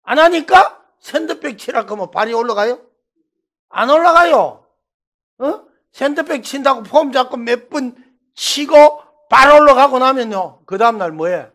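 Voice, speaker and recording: A middle-aged man from Daegu with a Gyeongsang accent, preaching a revival sermon and telling stories with loud bursts and hushed asides. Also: extremely high pitch, moderate pace. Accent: Gyeongsang Korean. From Daegu, South Korea. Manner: animated storytelling, swinging between loud bursts and hushed asides. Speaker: pastor.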